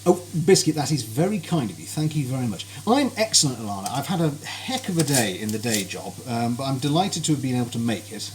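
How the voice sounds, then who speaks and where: Talking fast with hardly any pauses, this very animated mid-range male voice belongs to a cooking streamer chatting cheerfully and politely from his home kitchen and greeting viewers by name during a live stream. The low-quality recording picks up kitchen noise and sizzling frying.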